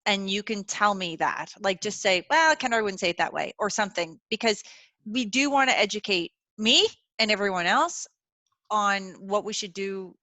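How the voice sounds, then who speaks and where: A woman with a bright, lively, mid-range voice hosts an online webinar, chatting in a relaxed way and reassuring her guests while filling her talk with "like" and "you know." The sound is dry and close, as on a video call, with no room sound.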